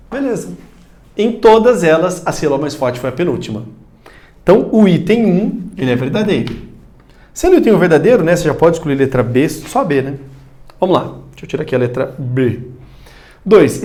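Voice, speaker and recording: A man with a Brazilian Portuguese accent teaching a recorded video lesson, talking straight to the viewer and loudly calling out example words. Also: fairly high pitch. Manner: animated, addresses viewer directly, shouts example words.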